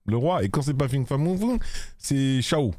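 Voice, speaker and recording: Man, stream host, casual card-game chat, slangy and joking, very lively pitch. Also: measured pace. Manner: animated, joking, slangy, jumps into high put-on voices. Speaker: show host.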